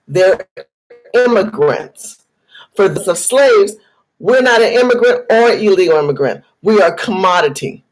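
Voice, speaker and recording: Husky, emphatic woman lecturing her viewers. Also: fairly low pitch, poor audio. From United States. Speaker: political commentator vlogger. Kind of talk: impassioned direct-to-camera commentary.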